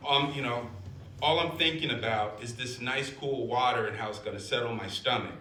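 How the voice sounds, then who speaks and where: Older man, stand-up storyteller, bright forceful voice, echoey room. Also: moderate pace. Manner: animated, swings from loud laughing bits to low somber asides. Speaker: stand-up comedian. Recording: echoey room with faint noise.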